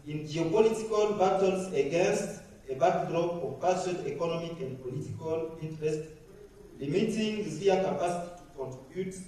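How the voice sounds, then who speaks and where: A man's voice: a little high, warm tone, slight background noise. A man whose first language is French, giving an academic conference presentation with many hesitations and restarts. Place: conference hall. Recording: echoey hall, mic far off.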